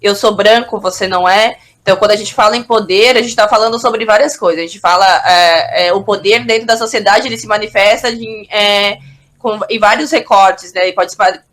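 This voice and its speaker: A woman teacher chiming in on an online class over a video call, halting and restarting as she builds a point. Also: medium pitch, fairly bright tone. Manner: hesitant, halting, many restarts.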